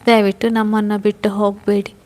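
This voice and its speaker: Woman doing a crying young mom begging, storybook style, pretty flat pitch. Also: a little fast, close to an everyday voice. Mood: pleading. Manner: tearful, begging. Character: distraught young mother, sobbing and pleading.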